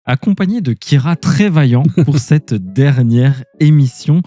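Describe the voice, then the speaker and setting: A man hosting a podcast in casual chat, lively and laughing along with his co-host. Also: medium pitch, measured pace, no echo.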